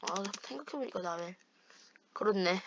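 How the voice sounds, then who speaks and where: A woman's voice: mid-range voice, lively intonation, moderate pace, lo-fi sound, slight background noise. A woman hosting a gaming channel, chatting with a friend over voice chat while playing online and trash-talking playfully. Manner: playful teasing trash talk.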